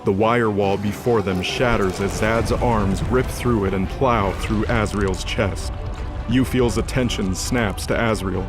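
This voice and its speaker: Music sits clearly under a fairly low male voice telling a fantasy tale. His reading of the scripted action takes a dramatic, storytelling tone.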